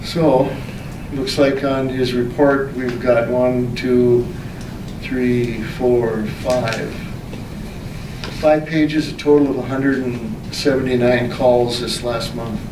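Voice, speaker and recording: In an indoor council meeting room, a mayor moves slowly and steadily through the agenda, formally reading reports aloud. His voice is medium in pitch, and the distant mic picks up echo and background noise.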